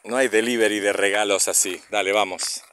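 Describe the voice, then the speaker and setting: A man's voice: lowish voice, fairly even intonation, a little fast, a bit bright. A man with a Rioplatense Argentine accent, a father filming a casual vlog as he walks, talking to camera and to his child. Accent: Rioplatense Argentine Spanish. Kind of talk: casual narration and chat with a child. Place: outdoors, walking along a path. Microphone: handheld camera or phone, held by speaker. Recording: outdoor recording with clear background noise.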